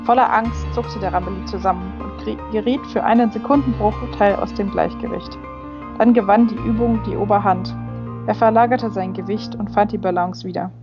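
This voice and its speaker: A woman narrating a fantasy novel as an audiobook reader, in a measured, steady reading. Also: medium pitch. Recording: slightly dull with faint music.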